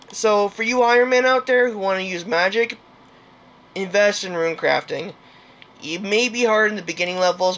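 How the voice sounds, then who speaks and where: Young male gaming host, higher-pitched, rambling and hesitant. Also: fairly bright tone. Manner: rambling, hesitant, many fillers and restarts. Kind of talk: casual game commentary outro.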